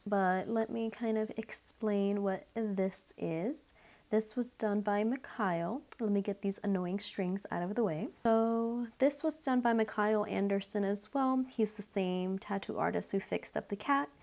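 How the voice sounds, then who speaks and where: A young woman talks straight to her viewers in a chatty, gushing vlog, her voice carrying a light gravelly fry at the ends of phrases. She sits at a middle pitch and sounds a little out of breath. It is recorded on a camera mic at home. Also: a little mellow. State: a bit out of breath. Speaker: YouTube vlogger. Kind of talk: casual talk to camera.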